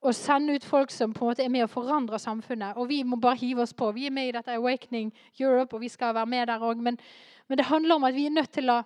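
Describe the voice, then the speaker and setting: A woman preaching a sermon in a lively way, rising to fervent emphasis. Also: on the high side, hardly any pauses, no room sound.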